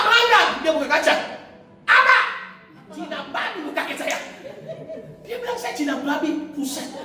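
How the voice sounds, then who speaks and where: High-pitched animated Indonesian preacher, echoey hall. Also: male voice, distant mic. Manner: animated storytelling preacher, acting out quoted voices. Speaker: pastor. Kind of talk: sermon. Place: large church hall. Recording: echoey church hall, mic off a bit, music behind.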